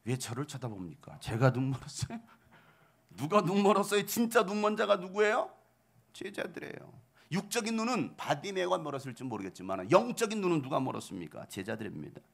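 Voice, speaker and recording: 열정적으로 설교하는 중년 남성 목사. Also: male voice, medium pitch, creaky. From South Korea. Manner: animated preaching with rhetorical questions, sudden shouted outbursts. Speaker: pastor. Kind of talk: sermon.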